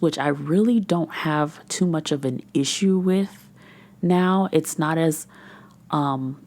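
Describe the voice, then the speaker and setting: A woman in her thirties, a podcast host and menopause coach, speaks into a podcast microphone in a low, gravelly, darkish voice. Her candid solo show rambles and sometimes drops to a whisper, and she sounds frustrated and overwhelmed.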